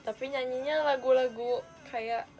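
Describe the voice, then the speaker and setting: A young woman chatting casually on a livestream, halting and giggly, with a lisp on her r sounds. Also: high-pitched, steady tone, a little mellow, soft background music. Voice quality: lisping, imprecise r sound. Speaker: idol livestream host. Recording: faint background noise.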